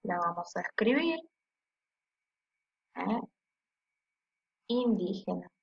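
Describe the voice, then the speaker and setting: A woman teacher explaining a lesson slowly and patiently, checking often with the class and stressing syllables aloud to demonstrate. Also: lowish voice, sing-song, creaky, lo-fi sound. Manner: slow and patient, with frequent checking "¿sí?".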